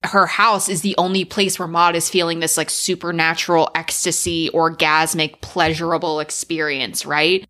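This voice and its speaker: Woman, low-ish voice, casual podcast co-host, excitable and emphatic. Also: normal speed, few pauses. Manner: excited, emphatic, swears freely. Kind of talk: casual film discussion.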